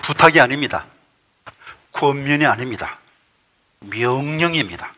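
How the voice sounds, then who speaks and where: A middle-aged man preaching a sermon as pastor, emphatic and rising to forceful peaks. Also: mid-range voice, lively intonation. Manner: reads a quoted testimony aloud in a measured storytelling tone.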